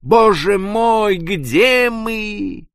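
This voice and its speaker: A man's voice: expressive, extremely slow, fairly bright tone, dry recording, clean studio sound, full character voice. A man voicing a panicking middle-aged first mate on a sailing ship, wailing and frantic in a raised, strained voice. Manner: wailing, frantic, high-strung.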